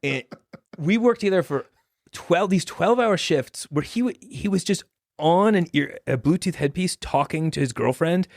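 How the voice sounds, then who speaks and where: Man, gravelly voice, dry close mic, rambling casual podcast storytelling, laughs a lot. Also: a little high, lively intonation, normal speed, no echo. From born in Scotland, raised in Maine. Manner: rambling, with frequent restarts and laughter. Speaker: podcast guest, hitchhiker and journalist.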